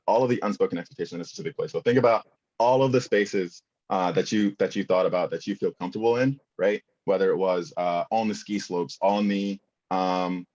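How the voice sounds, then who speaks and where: A man's voice: deep voice, a little mellow, highs cut off. A young man presenting a conference workshop, talking casually with many fillers and asking the audience questions.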